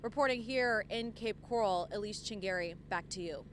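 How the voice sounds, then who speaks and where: A woman's voice: mid-range voice, normal speed, a little hiss or hum. A woman field reporter giving a live news report outdoors, projecting as she describes the scene around her. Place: outdoors on streets and by storefronts.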